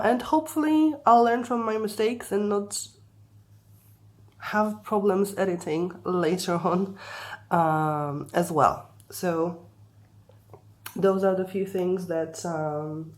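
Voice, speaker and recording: A young woman talks in a slow, unhurried way, her voice stuffed up and congested from a cold. She chats casually for her craft vlog, apologetic and hesitant, full of ums and uhs. Her pitch sits in an ordinary middle range. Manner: hesitant, apologetic, many fillers. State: congested from the flu. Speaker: craft vlogger.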